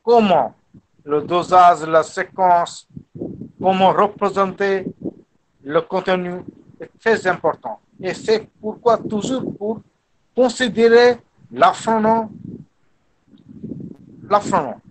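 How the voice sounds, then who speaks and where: Slow, high-voiced man lecturing in French. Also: a little hiss or hum, poor audio. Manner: slow and deliberate, repeats himself, animated playful asides. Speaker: guest lecturer in a French teaching webinar. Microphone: video call.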